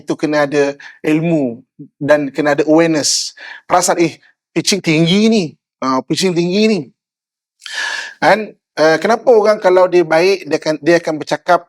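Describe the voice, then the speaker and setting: A middle-aged man with a Malaysian Malay accent preaching a lively sermon, often asking "kan?" and acting out tones of voice. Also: a little high. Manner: animated, often asks "kan?", acts out tones of voice. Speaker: Islamic preacher. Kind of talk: lively sermon with acted examples.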